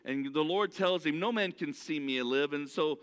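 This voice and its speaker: This sermon comes from a non-native English speaker, a man who preaches earnestly but keeps tripping over his words and beginning again. He talks at an ordinary pace in a high, smooth, ringing voice that is slightly bright. The room carries a long, church-like reverb.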